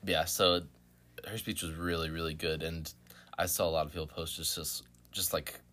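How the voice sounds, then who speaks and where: A man co-hosting a sports podcast, talking informally and a bit haltingly, with "like" dropped in often. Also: deep voice, level tone, sharp tone. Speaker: podcast co-host. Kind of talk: casual sports podcast chat.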